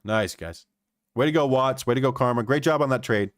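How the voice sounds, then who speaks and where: A man streaming live, commenting on trading charts in an animated way and repeating phrases for emphasis. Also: medium pitch, brisk, no echo, clean studio sound.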